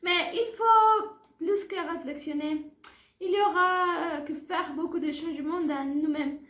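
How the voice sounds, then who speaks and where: Unhurried and fairly bright in tone, a high-voiced woman in her early 20s from Puebla, Mexico, presents a prepared talk for a French class as a language student. She's a native Spanish speaker with a Mexican accent, formal and careful, and the recording is noticeably echoey.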